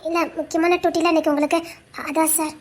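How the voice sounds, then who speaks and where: A woman's voice: very high-pitched, level tone, fast talker. A woman with a Tirunelveli Tamil accent playing a dutiful young policewoman and mother who pleads and protests in a comedy skit. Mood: apologetic.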